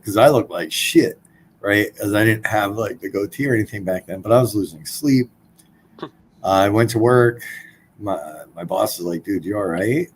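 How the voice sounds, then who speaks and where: A man's voice: on the low side, slight background noise, poor audio. A man in his forties, a podcast guest, telling a personal story in a blunt, casual way, swearing freely.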